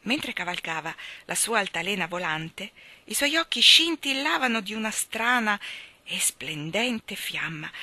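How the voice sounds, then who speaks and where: A woman reading a children's story aloud in an expressive way, often dropping to soft, hushed tones. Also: on the high side, no room sound. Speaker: reader. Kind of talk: audiobook storytelling.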